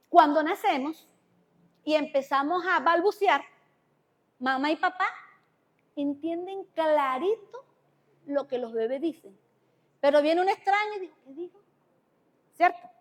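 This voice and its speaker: A woman's voice: high voice, expressive, measured pace, pauses often. A woman with a Venezuelan Spanish accent preaching a sermon to her congregation, talking conversationally and asking them questions. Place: church hall. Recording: long church hall reverb.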